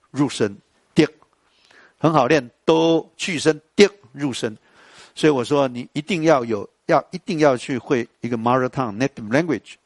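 Lively Taiwanese Mandarin man teaching poetry. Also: mid-range voice, no room sound. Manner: lively, quizzes students, chants lines slowly. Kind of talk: classical poetry tonal lesson to students.

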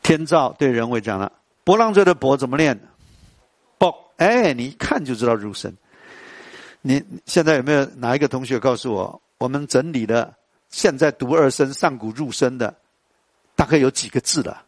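Lively Taiwanese Mandarin man teaching poetry. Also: mid-range voice, no room sound. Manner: lively, quizzes students, chants lines slowly. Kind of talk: classical poetry tonal lesson to students.

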